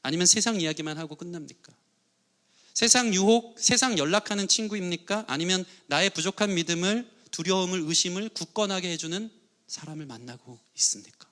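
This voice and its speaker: Bright-voiced, high-pitched male pastor preaching. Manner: earnest preaching, asks the congregation questions. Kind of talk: sermon. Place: church sanctuary.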